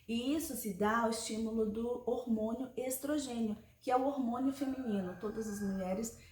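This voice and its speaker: A woman's voice: on the high side, darkish tone. A woman in her forties explaining a health topic in a conversational personal vlog, often checking in with the viewer. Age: 40s. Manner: conversational, explanatory, with frequent tag questions. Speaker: vlogger. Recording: echoey room.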